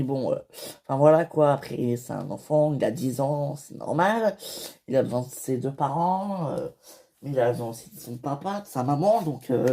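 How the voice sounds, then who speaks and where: A doting, soft-spoken dad, as a woman voices him in a homemade toy-figure series. He mumbles low and mellow, circling back over the same hesitant phrases.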